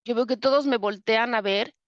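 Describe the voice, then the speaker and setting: A woman with a Mexican Spanish accent, appearing as an interview guest, vividly recounts a personal experience, full of fillers and restarts. Her voice is fairly high and moderately paced, recorded lo-fi with no room sound.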